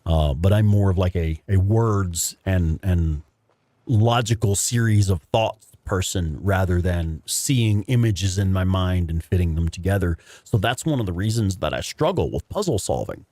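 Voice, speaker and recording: A man's voice: deep voice, expressive, normal speed, dark tone, no room sound. A man hosting a gaming livestream with casual, rambling commentary and some swearing. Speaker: livestream host playing a video game.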